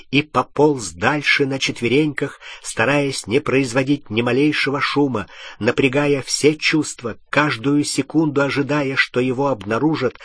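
A man reading a fantasy novel aloud as audiobook narration, measured and even. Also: medium pitch, husky, no room sound, clean studio sound.

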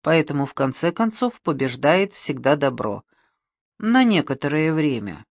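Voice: medium pitch, sing-song, normal speed, gravelly, no room sound, studio quality. A reader voicing a smug, scheming male demiurge who lectures in a self-satisfied way, told as a storybook. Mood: smug, lecturing.

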